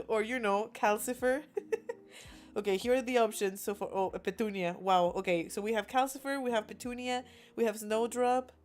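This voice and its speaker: A woman's voice: fairly high pitch, normal speed, soft background music. Giggly young woman streaming, chatting with chat. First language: not English. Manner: giggly, chatty, reads chat messages aloud. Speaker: game streamer. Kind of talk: casual live-stream chat. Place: alone in a room.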